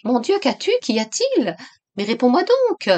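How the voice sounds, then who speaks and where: A woman reading aloud voices an anxious young society woman who pleads in a high, urgent voice. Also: wildly swooping pitch, a little slow, exaggerated voice. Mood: frantic. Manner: high-pitched, pleading, rising to near-shouts.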